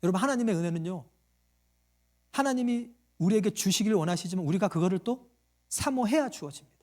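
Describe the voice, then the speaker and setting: A man's voice: sits high, expressive, a little fast, darkish tone. A male pastor preaching a sermon to his congregation, quizzing them with questions and acting out the voices in his stories. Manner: acts out quoted voices in a story.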